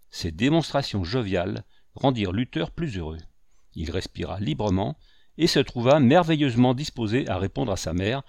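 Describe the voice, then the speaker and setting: Guy reading an old novel, middle pitch, dry close mic. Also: creaky, no echo. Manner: measured, even storytelling. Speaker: audiobook narrator. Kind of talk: literary audiobook narration.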